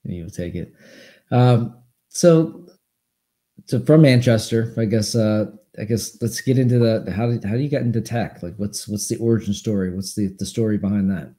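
A man's voice: on the low side, moderate pace, warm tone, echoey room. A man in his forties hosting a casual interview show over a video call, rambling and restarting his phrases. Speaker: podcast host. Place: home office with bookshelves. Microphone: video call webcam.

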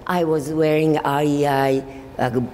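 Older lady, giving a talk in a hall, slow and halting, bit of echo and faint hiss. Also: deep voice, little pitch movement, darkish tone. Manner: halting, with many restarts and fillers. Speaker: forum speaker. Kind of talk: casual slide talk to an audience. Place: meeting hall. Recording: echoey hall, faint background noise.

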